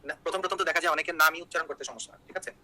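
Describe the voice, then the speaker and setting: Fast-talking young man teaching. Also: fairly high pitch, bright, forceful tone, low-quality recording. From Bangladesh. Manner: rapid, joking, repeats key points with "ঠিক আছে?". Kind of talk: online exam-prep class.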